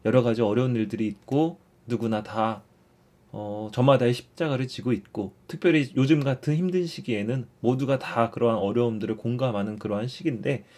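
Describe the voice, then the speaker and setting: A young man leads a relaxed catechism lesson in an easy, conversational way. He restates his points and keeps nudging listeners along with a prompting "so". His voice sits at a mid pitch for a man. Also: a little fast. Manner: explains warmly, repeats phrases, often starts with "자".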